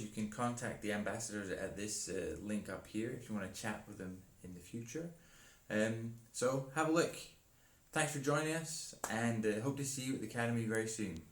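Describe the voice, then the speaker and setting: A man hosting an event, giving relaxed closing remarks with a few hesitations. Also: on the low side, normal speed. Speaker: event host. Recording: roomy, echoey sound.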